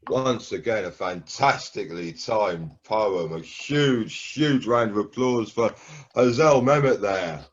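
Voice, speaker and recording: A man hosts a live poetry event at a slow, measured pace. His voice comes through dull, lo-fi call audio. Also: fairly low pitch, lively intonation, a little hiss or hum. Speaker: host of an online poetry slam. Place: online video call.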